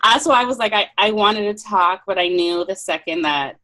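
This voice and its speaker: A woman's voice: mid-range voice, normal speed, a bit bright. A woman participant on a group video call, laughing through tears and overwhelmed. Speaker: program participant.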